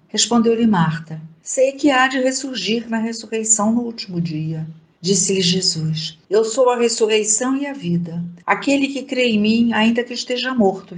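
A woman reads a Gospel passage and leads a spoken prayer in a slow, reverent, prayerful way. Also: medium pitch. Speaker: devotional reader and prayer leader. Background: soft new-age music.

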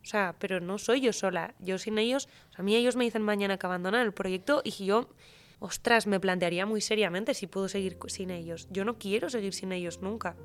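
Animated, emotional young-sounding woman guest. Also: medium pitch, brisk. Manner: animated, emotional, slangy, often says "tío". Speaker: podcast guest. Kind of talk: casual conversation.

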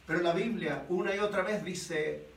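A man preaching a sermon, telling the story in an animated way and asking rhetorical questions. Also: high voice, normal speed, vocal fry. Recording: echoey room, voice from a distance.

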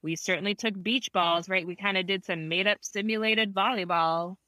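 Bright-voiced woman therapist telling stories. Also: mid-range voice, normal speed, dry recording. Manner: animated, laughs often, acts out quotes. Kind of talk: casual anecdote in conversation.

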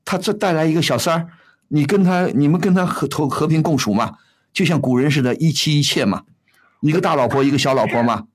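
A man's voice: fairly high pitch, fairly quick. A middle-aged man hosting a call-in advice show, bluntly scolding a caller with rhetorical questions. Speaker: radio advice host.

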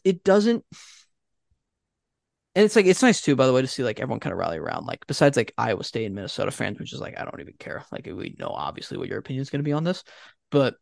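A man on a sports podcast co-hosts with the exasperated energy of a disappointed fan. His voice swings widely between highs and lows as he argues his points. The sound is close and dry, with no room echo. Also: vocal fry. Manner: animated, exasperated fan ranting. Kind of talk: casual sports chat.

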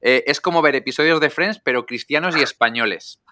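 A man hosting a casual chat in a teasing, energetic way. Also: mid-range voice, fairly quick, a little hiss or hum. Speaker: host.

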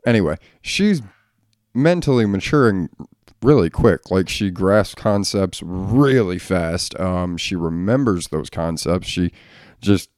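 Blunt, profane man with a low, smooth voice. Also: animated, slow, darkish tone, dry recording, studio quality. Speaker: podcast host; father. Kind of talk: casual solo podcast talk.

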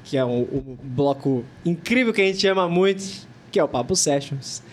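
A man hosting a casual podcast, who laughs often and reacts with quick, slangy interjections. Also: a little high, animated. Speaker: podcast host.

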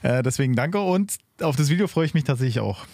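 A man with a dry, close sound, chatting casually on a podcast. He pauses often with fillers and pokes fun at his own weak showing. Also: mid-range voice, expressive, darkish tone, no echo. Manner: hesitant, self-deprecating, lots of fillers. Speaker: podcast co-host.

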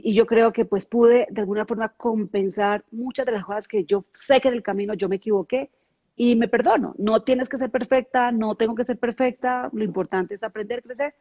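Speaking as a podcast guest, this middle-aged woman shares her personal history earnestly and emotionally, often repeating herself. She has a medium-pitched, darkish voice, and the lo-fi recording carries no room sound.

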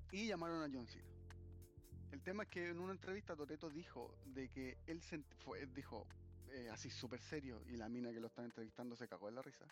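A man's voice: mid-range voice, brisk, soft background music. Chilean man telling a story animatedly. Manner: animated storytelling, heavy slang. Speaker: co-host. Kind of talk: casual chat.

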